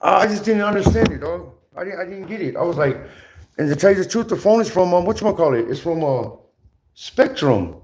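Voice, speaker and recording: A man ranting casually on his livestream, rambling and repetitive, with lots of slang, swearing and halting restarts. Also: sits high, animated, darkish tone.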